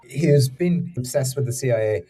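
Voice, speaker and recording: An audio drama director and executive producer talks in an interview, explaining things conversationally with loose, informal phrasing. His medium-pitched voice is warm and a bit breathy, and he speaks briskly.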